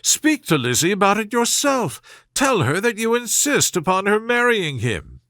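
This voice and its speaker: Man putting on a high, fretful, pushy mother. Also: very animated, moderate pace, a bit bright, no room sound, clean studio sound, exaggerated voice. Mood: agitated. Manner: insistent, exclamatory pleading. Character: fretful, excitable middle-aged mother, pushy and flustered. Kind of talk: storybook character voice in classic novel reading.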